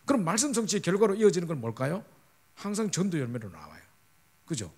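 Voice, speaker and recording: A middle-aged man preaches a sermon in a husky, slightly breathy voice that sits a bit high for a man. His delivery swings widely in pitch and moves at a fast clip, and he is emphatic, often pausing to ask the listeners for agreement. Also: sing-song. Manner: emphatic, repeatedly asks the audience for agreement. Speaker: pastor.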